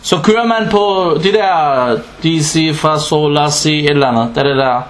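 High-voiced man preaching in an echoey room. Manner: explains Danish, quotes Arabic scripture fast, asks the listeners questions. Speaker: Islamic preacher. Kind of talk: religious lecture.

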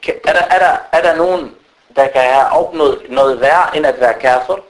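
Speaking off the cuff to a gathering, this Islamic preacher talks straight to his audience in a religious lecture full of fillers and restarts. His voice runs on the high side, and the audio quality is poor.

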